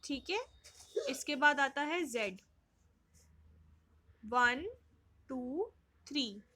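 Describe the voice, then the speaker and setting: Slow patient high-voiced woman teacher. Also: animated, sharp tone. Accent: Indian English. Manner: slow, patient, repeats questions and answers for young children. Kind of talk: online class lesson.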